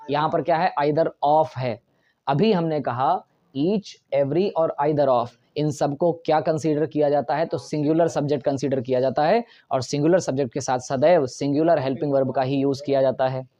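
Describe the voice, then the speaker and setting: Male grammar teacher, classroom lecture, checks often that students follow, mellow tone, dull lo-fi recording. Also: fairly high pitch. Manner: keeps checking if students understand; explains in Hindi mixed with English terms.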